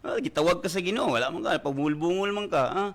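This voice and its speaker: Man, Filipino accent, pastor, radio sermon, fervent, fairly high pitch, "ha?" tag questions. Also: expressive, fast talker. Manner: bursts into loud exhortations.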